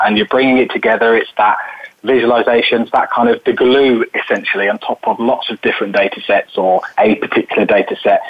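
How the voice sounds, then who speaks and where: Male guest, hesitant, um-heavy, mid pitch, dull lo-fi audio. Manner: hesitant, many ums. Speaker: panel guest. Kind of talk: casual interview answers. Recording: dull phone-like line.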